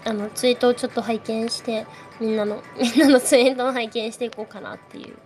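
Young woman, streamer host, casual nervous chat with a shaky voice, slightly high pitch, faint music bed. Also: fairly even intonation, quick pace, darkish tone. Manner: nervous, shaky voice, frequent nervous laughs. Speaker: streamer hosting a live audio space. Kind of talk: casual chat greeting listeners.

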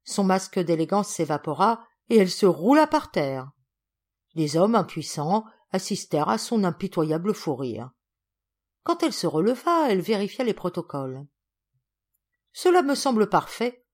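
Expressive woman narrating an audiobook. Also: on the low side, moderate pace. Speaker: audiobook reader.

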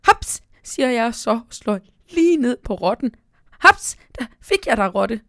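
A woman's voice: very animated, fairly bright tone, no room sound, clean studio sound. A woman voicing an old, shortsighted owl who is embarrassed and apologetic, read for a children's storybook. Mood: sheepish. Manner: flustered and apologetic, high-pitched.

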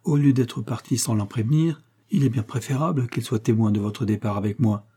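A man voicing a dignified, witty old aunt who speaks calmly and affectionately in a storybook reading. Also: medium pitch, fairly quick, husky. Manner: calm, affectionate, dryly witty.

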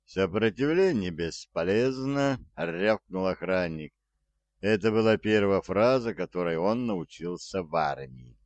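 A man narrating an audiobook in a slow, measured reading. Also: low-pitched, big pitch swings, vocal fry, no echo, highs cut off.

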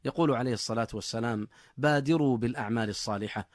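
A man giving a scripted religious radio talk in formal standard Arabic, as a scholar with formal, measured oratory. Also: medium pitch, dry recording, clean studio sound.

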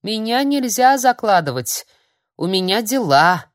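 A woman's voice: sing-song, measured pace, no echo, clean studio sound. A woman voicing a jittery old man who grumbles and then shrieks threats. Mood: agitated. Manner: shrill, spluttering outbursts. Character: nervous old man, shrill and menacing.

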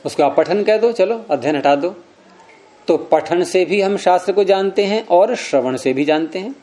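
A man with a high-pitched, animated voice and a dark tone speaks at normal speed, teaching Sanskrit philosophy to a class. He recites sutras in Sanskrit, explains them, repeats key words, and questions his students often as he goes.

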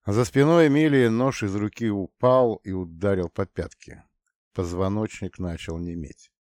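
A man narrating an audiobook in a steady, measured way. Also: on the low side, dry recording, studio quality.

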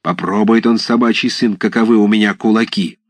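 A man voicing a stern older village head in a storybook reading, speaking hoarsely in a low half-voice. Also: fairly even intonation, brisk, no echo, natural voice. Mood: menacing.

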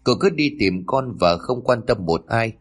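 A man's voice: mid-range voice, expressive, measured pace, breathy edge. A man narrating a dramatic family story in scripted storytelling.

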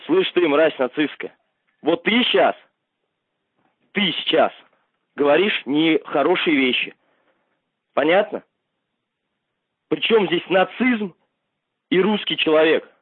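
A man speaks over a narrow, tinny landline phone line with dry, close sound. His voice is a bit high for a man and slightly husky. He talks bluntly and keeps repeating himself. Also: expressive, slow, long pauses, dry recording. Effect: heard over a landline phone. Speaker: call recipient.

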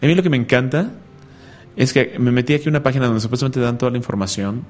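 A man's voice: mid-range voice, quick pace, faint music behind. A man hosting a radio talk show, chatting and telling stories with a joking manner. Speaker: radio host. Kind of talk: casual radio chat.

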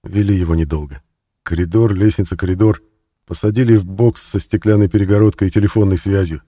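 A man narrating a novel in a steady, measured reading voice. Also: deep voice, dry recording, studio quality. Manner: steady, measured reading, rises to loud acted shouts. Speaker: audiobook narrator. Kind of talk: scripted narration.

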